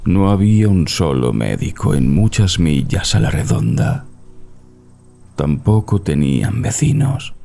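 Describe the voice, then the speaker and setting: A man reading a classic horror story as narrator, in a measured, solemn literary manner. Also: deep voice, gravelly, dark tone. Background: background music.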